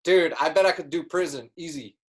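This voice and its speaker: A man's voice: fairly high pitch, fairly quick, breathy edge. Blunt, swearing podcast guy. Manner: blunt, swears a lot, joking. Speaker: podcast co-host. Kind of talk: casual chat. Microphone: video call.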